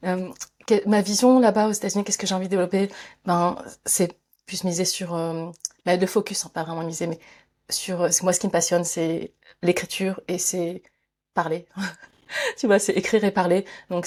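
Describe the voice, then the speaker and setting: A woman's voice: lowish voice, a little mellow. Chatty French woman, many fillers. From France. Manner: thinks aloud with many fillers and restarts, laughs often. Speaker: guest, author and speaker. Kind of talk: conversational interview.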